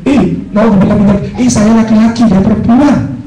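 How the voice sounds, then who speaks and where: A man's voice: sits high, normal speed, music in the background, voice pushed up, lightly acted. A man voicing a nervous, pious male hermit who protests in a raised voice, in an echoey hall recorded from afar. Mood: flustered. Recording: echoey hall, distant mic, noisy.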